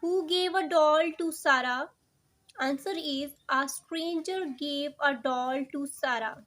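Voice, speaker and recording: A woman teacher with a Pakistani accent, explaining a lesson slowly and deliberately, reading English exercises and explaining them quickly in between. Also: high voice, fairly bright tone.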